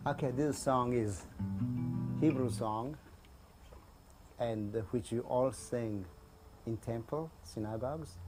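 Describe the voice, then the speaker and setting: A man's voice: medium pitch, mellow, slight background noise. Man, musician talking. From Ethiopia. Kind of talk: interview, then singing. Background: guitar music.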